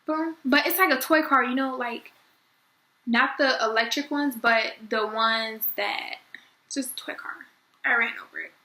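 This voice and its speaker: A woman's voice: high-pitched, measured pace, pushed and bright. A young woman vlogging, telling a story casually and chattily, saying "like" constantly. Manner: chatty, fills speech with "like". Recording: echoey room.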